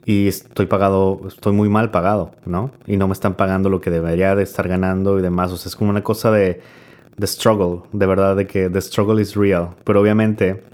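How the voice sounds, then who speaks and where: A man's voice: sits low, flat delivery, brisk, darkish tone. A young man, an interview guest talking reflectively and rambling with many restarts. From Mexico. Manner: thoughtful, rambling, many restarts and filler tags.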